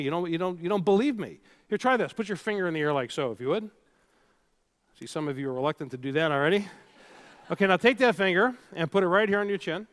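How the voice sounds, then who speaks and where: Guy giving a keynote talk, pretty high voice, lively storytelling to a crowd. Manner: animated, leads audience drills. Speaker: keynote speaker. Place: large hall before a live audience.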